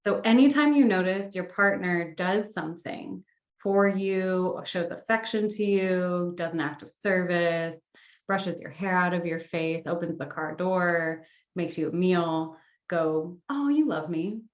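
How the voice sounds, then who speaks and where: A woman guest on a podcast, explaining in a gentle, unhurried coaching tone. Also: fairly low pitch, steady tone, reverberant, dull audio. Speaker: guest, sex and somatics coach. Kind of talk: casual podcast interview.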